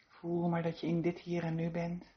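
A woman leading a guided relaxation meditation with soothing, unhurried instructions and gentle encouragement. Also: on the low side, monotone, lo-fi sound.

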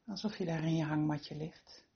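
A woman leading a guided relaxation meditation with soothing, unhurried instructions and gentle encouragement. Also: sits low, steady tone, lo-fi sound.

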